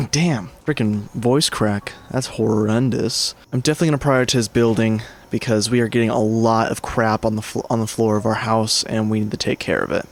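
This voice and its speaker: A man's voice: fairly low pitch, steady tone, brisk, few pauses. A man giving casual let's-play commentary as a gaming creator, rambling and correcting himself, swearing when things go wrong. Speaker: gaming YouTuber.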